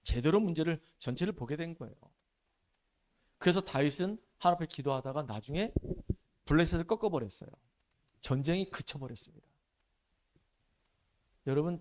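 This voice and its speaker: A man preaching a sermon in church, telling the story in an animated, emphatic way and dropping his voice low for solemn points. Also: moderate pace, pauses often. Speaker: pastor.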